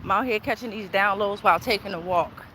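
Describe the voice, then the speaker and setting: Speaking a little fast with a sharp tone and medium pitch, a woman runs a casual phone livestream during an outdoor walk near traffic. The tarot reader repeats her words and checks on followers, and street and traffic noise are audible.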